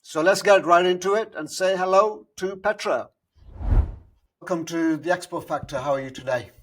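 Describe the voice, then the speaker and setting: A man hosting a podcast, reading an upbeat scripted intro and then chatting casually with his guest, filling pauses with "uh.". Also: high-pitched, fairly bright tone. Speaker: podcast host.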